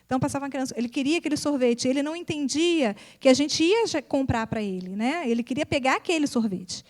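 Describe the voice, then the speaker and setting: A woman's voice: sits high, animated, quick pace, darkish tone. A middle-aged woman, speaking to an audience about her own family, repeating words for emphasis and acting out bits of dialogue. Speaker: psychopedagogue and mother speaking at an event. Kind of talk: personal talk to an audience.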